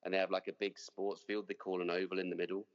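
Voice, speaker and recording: A man talks casually and rambles, circling back and restarting his sentences. His voice sits very low. The call audio is muffled, with a long reverb trailing behind him. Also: level tone, quick pace. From English Midlands. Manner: chatty, rambling with many restarts and fillers. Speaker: dentist guest. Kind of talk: casual interview.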